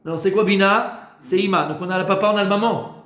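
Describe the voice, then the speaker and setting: A rabbi teaching a Torah class to students, posing questions and answering them himself, with hesitant fillers and repeated words. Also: male voice, high-pitched, quick pace, fairly bright tone, echoey room.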